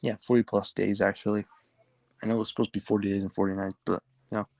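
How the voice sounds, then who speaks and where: A man's voice: on the low side, little pitch movement, fast, creaky, a little mellow, no room sound. A young man co-hosting a casual podcast in a rambling way, his speech slightly impeded by the retainer he is wearing. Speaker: podcast co-host.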